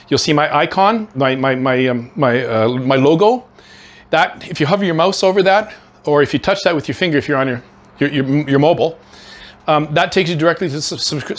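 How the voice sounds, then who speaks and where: A man's voice: a little high, fairly bright tone. A middle-aged man hosting his own cooking channel from his home kitchen, chatty and enthusiastic, with lots of fillers and restarts. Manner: talks with mouth full while tasting. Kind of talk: casual cooking vlog.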